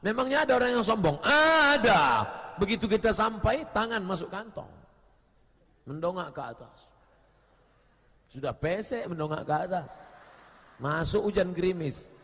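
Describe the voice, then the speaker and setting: A man preaching an open-air sermon, switching between shouted lines and soft asides, chanting Arabic phrases in a sing-song lilt. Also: high-pitched, expressive, moderate pace, long pauses, in a large hall. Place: large outdoor gathering in light rain.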